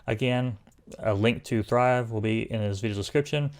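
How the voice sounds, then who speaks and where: A man hosting a casual screen-recorded software tutorial, talking loosely with lots of fillers and sounding like he is losing his voice. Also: mid-range voice, moderate pace. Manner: loose, rambling, many fillers. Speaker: online marketing tutorial host.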